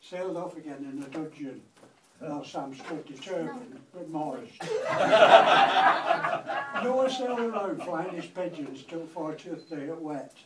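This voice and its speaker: A grandfather of about eighty-something with a Lancashire accent recites a comic monologue in verse, rhythmic and dry in delivery. His voice is on the high side and slow, heard through a distant mic in an echoey room with a little noise.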